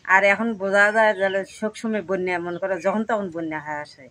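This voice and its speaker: A woman with a rural northern Bangladeshi accent, giving halting, repetitive, unscripted testimony as a villager. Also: mid-range voice, sharp tone. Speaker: villager interviewed about floods. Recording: birdsong and clear outdoor background noise.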